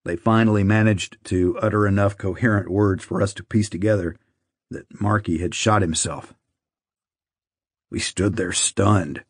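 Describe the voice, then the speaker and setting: A man narrating an audiobook in a measured, somber reading. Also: on the low side, husky, no echo, clean studio sound. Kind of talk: scripted narration.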